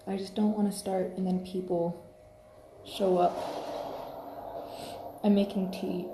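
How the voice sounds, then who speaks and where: This livestream host and podfic reader speaks slowly at medium pitch, in a level tone. Chatting in a friendly, meandering way, partly to herself, she's in a room at home as rain falls outside. There's a roomy echo and faint background noise.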